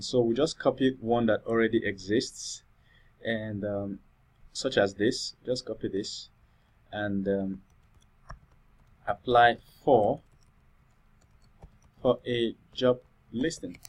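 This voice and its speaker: Casual man talking through code. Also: mid-range voice. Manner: thinks aloud, many fillers and "all right?" checks. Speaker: coding tutor. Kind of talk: screen-recorded coding tutorial.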